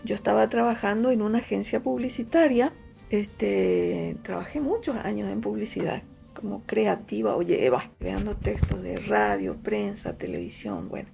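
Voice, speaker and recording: Unhurried and thoughtful, this middle-aged woman writer answers interview questions, circling back to phrases and leaning on fillers; she speaks Guaraní natively and has a Paraguayan Spanish accent. Her medium-pitched voice sounds dark, gravelly and mellow over faint, soft music.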